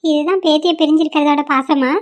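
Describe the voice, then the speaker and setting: A woman's voice: high voice, steady tone, fast, natural voice. A woman doing a teasing young granddaughter.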